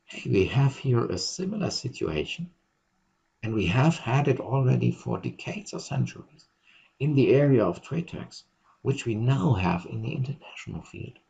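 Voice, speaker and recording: A man's voice: mid-range voice, big pitch swings, moderate pace, gravelly, a little mellow, slightly rough. A man lecturing on tax, rambling and thinking aloud with many ums, in a recorded lecture. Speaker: university lecturer. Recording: dull lo-fi recording.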